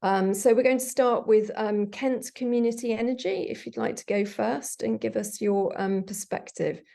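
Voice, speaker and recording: A woman hosting a webinar over a video call, moderating speakers and audience questions in a brisk, organised way. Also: fairly high pitch, creaky, warm tone. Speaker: webinar host.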